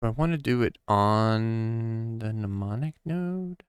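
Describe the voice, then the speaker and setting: Slow, halting man coding live. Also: on the low side, animated, clean tone, no room sound, studio quality. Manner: halting, musing, many ums and pauses. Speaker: programmer streaming a coding session. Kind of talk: thinking aloud while coding live.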